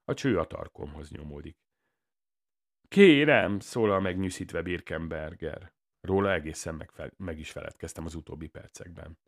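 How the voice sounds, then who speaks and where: Deep-voiced male audiobook narrator. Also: steady tone, vocal fry, slightly rough. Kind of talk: first-person audiobook narration.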